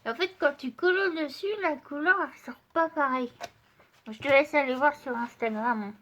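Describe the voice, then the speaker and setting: Stuffy from a cold, this woman hosts an art channel, addressing viewers directly in a chatty way full of fillers as she displays craft supplies and tries out paper. She speaks at a normal speed, her voice high and fairly bright.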